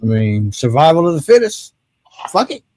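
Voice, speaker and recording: A man's voice: on the high side, sing-song, normal speed, a little mellow, no room sound, low-quality recording. A man in casual chat who chimes in with short, crude wisecracks.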